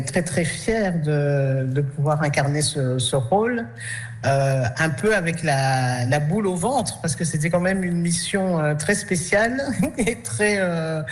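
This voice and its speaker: A woman, an artist and actress, answering interview questions hesitantly, with many fillers and restarts and soft laughs between thoughts. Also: fairly low pitch.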